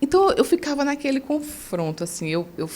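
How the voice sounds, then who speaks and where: A woman's voice: sits high, big pitch swings, a little fast, darkish tone. A chatty middle-aged woman with a Paraíba accent, a podcast guest talking in a casual interview and laughing often. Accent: Paraíba Northeastern Brazilian. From Campina Grande, Paraíba, Brazil.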